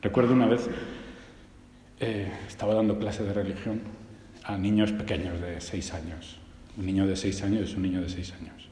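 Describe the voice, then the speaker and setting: A man from giving a homily as a priest, telling anecdotes in a lively way, often restarting his sentences. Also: low voice, moderate pace, reverberant, in a large hall, a little hiss or hum. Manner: lively storytelling with frequent restarts.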